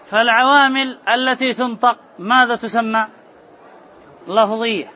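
High, bright-voiced male teacher lecturing. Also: normal speed. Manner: repeats key terms, quizzes students. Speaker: grammar teacher. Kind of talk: classroom lecture. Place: classroom with students. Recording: muffled classroom recording with murmur.

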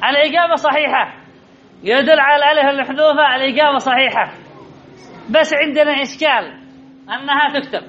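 A man's voice: extremely high pitch, fast talker, long pauses, bright, forceful tone. A man teaching a grammar lesson to a class, asking questions and repeating the answers over and over. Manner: drills points by asking students questions, then repeats the answers. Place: classroom with students. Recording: dull lo-fi recording with faint background noise.

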